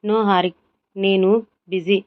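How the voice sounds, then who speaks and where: A stern young male CEO answers in short, irritated lines, as a woman narrator acts him out. The storybook voice stays mid-pitched. The audio is muffled and lo-fi. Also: little pitch movement, takes it slowly, natural voice. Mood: curt. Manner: curt and serious.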